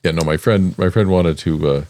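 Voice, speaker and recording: A man co-hosting a casual chat podcast, easygoing and quick to laugh at himself. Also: sits low, a little mellow, no echo. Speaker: podcast co-host.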